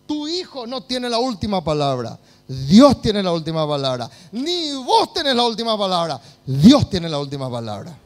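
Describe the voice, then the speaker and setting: A man with a Paraguayan Spanish accent, preaching a sermon as pastor, swinging from hushed lines to loud, emphatic calls. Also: very high voice.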